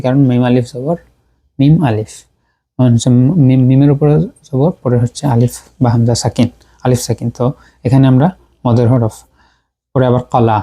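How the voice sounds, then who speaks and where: Male recitation teacher with a very dark, mellow voice. He drills syllables patiently. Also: mid-range voice. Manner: patient, repeats syllables slowly to drill pronunciation. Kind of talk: tajweed lesson.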